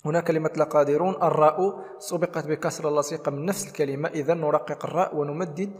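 A man's voice: on the high side, fairly even intonation, fast talker, long reverb tail. A man teaching Quran recitation rules, explaining each rule methodically step by step. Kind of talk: tajweed lesson with demonstrations.

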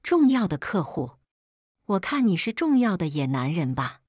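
A woman's voice: on the low side, big pitch swings, normal speed, a little mellow, breathy edge, no echo, studio quality. Woman reading as a scornful, domineering mother-in-law. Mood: sneering. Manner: sarcastic, scolding.

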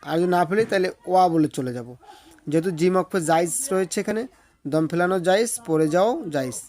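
With a Bangladeshi Bengali accent, a man spells out a recitation letter by letter, explaining each step patiently. He slowly draws out every word in a sing-song way, his high voice a little mellow.

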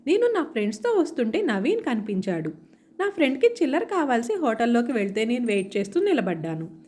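A woman's voice: on the high side, big pitch swings, a little fast, a little mellow. Woman doing Kruti, whiny teenage sister. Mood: complaining. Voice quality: tearful, whiny. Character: sulky dramatic young college girl, younger sister.

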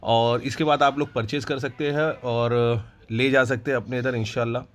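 A man who owns a goat farm walks viewers through his new stock in an unhurried, casual way with many hesitations, recorded on a handheld phone outdoors in the farm yard. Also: mid-range voice. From India. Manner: relaxed, unhurried, with frequent hesitations. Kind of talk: casual promotional farm tour.

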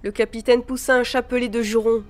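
A woman reading a fantasy novel aloud as an expressive storybook narrator. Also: on the high side, fairly quick. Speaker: audiobook reader. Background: soft background music.

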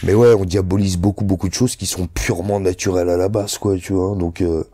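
A man in his thirties, a rapper and non-native French speaker, is the guest in a casual sit-down interview, chatting loosely in slang and filling gaps with "tu vois". His low-pitched voice is dark and brisk, steady in tone, with no echo.

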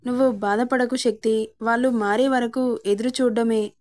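A woman voicing a kind middle-aged mother in a storybook reading, gentle and consoling. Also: fairly high pitch, fairly even intonation, normal speed, natural voice.

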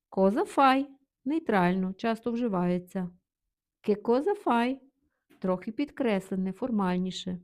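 A woman's voice: medium pitch, a little mellow. A woman teaching a language lesson, reading example phrases and translating each one in turn. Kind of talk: explaining vocabulary with examples.

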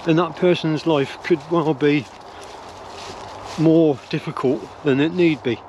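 An older man from England vlogs while walking his dogs in woodland, musing hesitantly, restarting sentences and leaning on fillers. His voice is a bit high for a man yet darkish in tone, a little slow, with fairly even intonation. A close-held phone or camera picks up clear wind and distant traffic noise.

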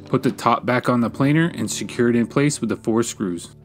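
A man, a woodworking channel host, giving calm, measured step-by-step voice-over instructions. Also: mid-range voice. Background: faint guitar music.

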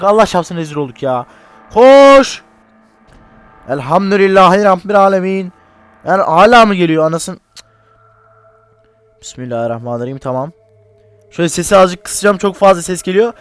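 Jumpy, high-voiced young man yelping at a horror game. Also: no echo. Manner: jumpy, swears and yelps when scared, joking. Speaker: gaming channel host. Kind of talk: unedited horror gameplay commentary. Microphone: desk mic, separate from game audio.

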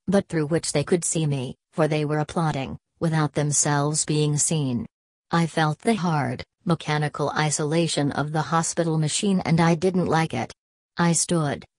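A woman narrating an audiobook in a measured, steady reading. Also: low voice, dry recording. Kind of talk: scripted narration.

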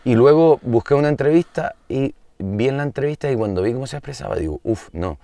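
A man, a singer-songwriter, in casual conversation, telling lively anecdotes. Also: mid-range voice, fast, creaky, no echo. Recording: slightly distant, dry mic.

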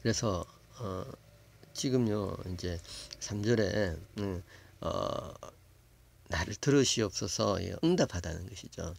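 Slow, gravelly man teaching scripture. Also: lowish voice. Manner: slow, musing, thinks aloud with many fillers and repeated words; sounds out Hebrew words slowly, then glosses them. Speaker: Bible Hebrew teacher. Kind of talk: casual spoken Bible lesson.

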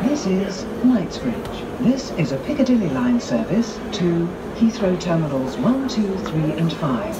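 A recorded announcement from a woman, played over a train's loudspeaker in a formal, measured delivery. Her voice sits fairly low but moves in a lively, sing-song way across each phrase. It sounds distant and is half-buried under loud rattling train noise. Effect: recorded onboard train announcement over loudspeaker. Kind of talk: scripted public announcements. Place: inside a moving underground train carriage.

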